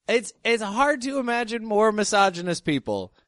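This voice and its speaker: High-pitched, animated man bantering. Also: measured pace, no room sound, studio quality. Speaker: podcast co-host. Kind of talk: casual comedic banter.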